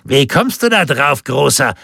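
A man's voice: mid-range voice, big pitch swings, a little slow, gravelly, bright, forceful tone, dry recording, clean studio sound, pitched above the performer's own voice, heavily acted. A man voicing a scrawny, sniffling bailiff who is spiteful and pompous, with a bullying, sneering manner.

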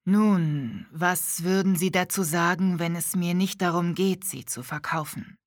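A woman voicing a kindly, mysterious old man who speaks slowly and thoughtfully. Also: lowish voice, no room sound, studio quality, lightly acted. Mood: gently insistent. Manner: slow, thoughtful delivery.

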